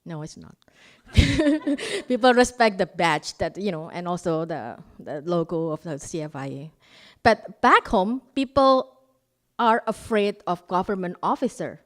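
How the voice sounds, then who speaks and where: Speaking a little slowly with a fairly low, animated voice, this forties-aged Indonesian comedian delivers live self-deprecating tales and laughs along with her jokes. Australian hints color her Indonesian accent.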